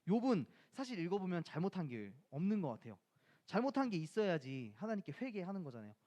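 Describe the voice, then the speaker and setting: A male pastor delivers a sermon in a fairly high voice that rises and falls a lot. He talks to the congregation conversationally and keeps asking them questions. Now and then he slips into the voices of the people he quotes. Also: sing-song, fast, warm tone. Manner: conversational, asks the listeners rhetorical questions; acts out quoted voices of friends and scripture.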